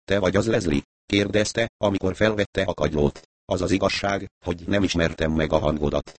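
A man narrating a crime story aloud, reading dialogue and narration in a steady voice. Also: sits low, dry recording. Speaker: audiobook narrator. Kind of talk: scripted narration.

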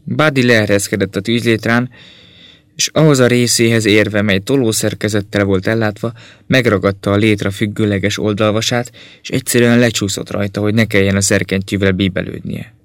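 A man narrating an audiobook in a calm, measured reading voice. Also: lowish voice, no room sound.

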